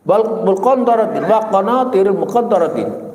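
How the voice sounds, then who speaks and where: Middle-aged male preacher, pitched a bit high, animated and jumpy in delivery, recorded in a room with echo. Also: normal speed. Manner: animated storytelling with sudden pitch jumps. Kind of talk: sermon. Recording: echoey room.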